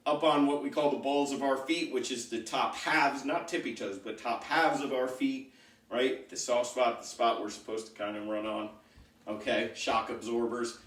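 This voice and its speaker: A man coaching a home workout in a chatty, joking, encouraging way. His voice sits at a middle pitch and sounds roomy, as if picked up from a few steps away in an apartment room. He keeps things light while giving instructions. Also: a bit bright. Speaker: exercise instructor. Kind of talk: home exercise video lesson. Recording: roomy echo, mic at a distance.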